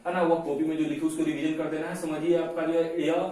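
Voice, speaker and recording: This male lecturer, a little high and a little mellow with a flat delivery, teaches Hindi grammar while repeatedly saying "है ना". He slows his pace to dictate notes, captured from a distance in a very echoey room with faint noise.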